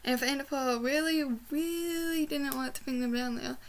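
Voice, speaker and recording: A woman's voice: high voice, normal speed, slight background noise. A young woman chatting casually in a rambling review vlog, with trouble saying her R's, which come out like W's. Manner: trouble pronouncing R sounds, says w for r. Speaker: book reviewer. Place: small bedroom, indoors.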